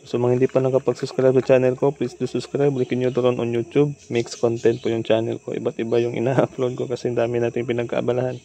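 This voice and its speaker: A Filipino-accented man casually walks through a hands-on repair tutorial, informal and instructional as he works. His mid-range voice is fast with hardly any pauses, over steady background noise with insect-like chirping.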